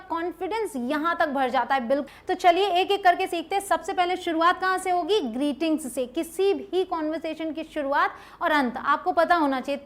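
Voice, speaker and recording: A young woman with a high, light voice teaches a spoken English lesson. She talks in a coaxing, chatty way and keeps checking in with the viewer. She asks questions and answers them herself, and slows down to model each phrase. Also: fairly bright tone.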